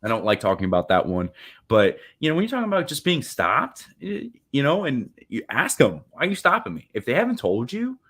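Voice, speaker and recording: A man's voice: mid-range voice, fairly quick. A man, a defense attorney, chatting casually on a podcast and acting out what people said in his stories. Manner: animated storyteller, acts out quotes.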